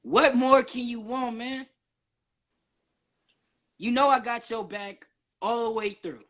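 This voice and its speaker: A man's voice: very high voice, steady tone, slow pace, a bit bright. A man in his early twenties rambling nonstop on a casual livestream, slangy and full of swearing. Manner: profane, slangy. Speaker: guest on a social media live stream.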